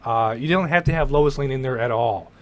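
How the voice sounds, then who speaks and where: A man's voice: medium pitch, fairly quick. A young man giving a casual, rambling rant about a movie, with swearing and lots of restarts. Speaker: movie commentator. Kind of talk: casual ranting movie commentary.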